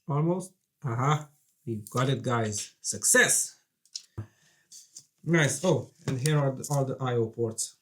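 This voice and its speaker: A man vlogging as he unboxes and assembles a gaming PC, chatting casually and nervously excited, his voice congested from a cold. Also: medium pitch, moderate pace, a little hiss or hum. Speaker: PC building vlogger. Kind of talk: casual hands-on narration.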